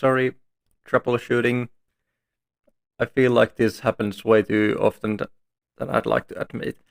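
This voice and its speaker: A man's voice: medium pitch, flat delivery, measured pace, creaky. A man streaming from home, reading story text aloud and breaking off for chatty, self-deprecating asides.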